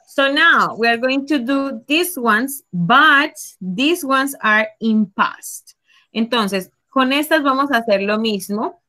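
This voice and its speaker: Slow, patient woman teaching a class. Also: on the high side, pushed and bright. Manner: patient, explains step by step and prompts students. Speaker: English teacher. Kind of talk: online class explanation.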